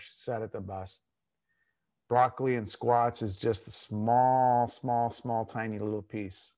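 A man speaking informally and candidly as a coach, giving an emphatic motivational talk with repeated phrases and slowed, stressed words. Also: lowish voice, darkish tone. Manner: informal, candid, mildly crude. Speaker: fitness and mindset coach, show host.

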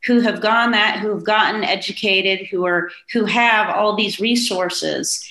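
Woman cohosting a podcast, average pitch, kinda tentative and thoughtful, echoey room. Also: measured pace, bright, forceful tone. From rural Pennsylvania, United States. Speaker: podcast co-host. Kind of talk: thoughtful conversational interviewing. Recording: echoey, roomy sound.

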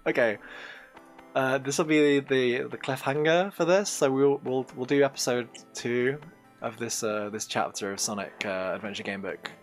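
A man's voice: medium pitch, moderate pace, soft background music. A man hosting a podcast, reading an adventure game book aloud as game master, with hesitant, filler-heavy asides between passages.

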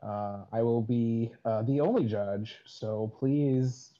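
Mellow hesitant man, lo-fi sound. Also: mid-range voice, slow pace. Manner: hesitant, self-deprecating, apologetic. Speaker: podcast guest. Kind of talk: casual chat. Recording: dull lo-fi sound.

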